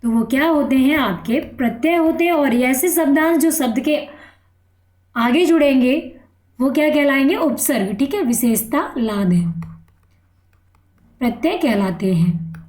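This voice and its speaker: A woman's voice: high voice, lively intonation, measured pace, darkish tone, roomy sound. A woman teaching an exam-prep Hindi grammar lesson, asking the class questions and then answering them herself in a coaxing way. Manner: asks questions and answers them herself, calls listeners "beta".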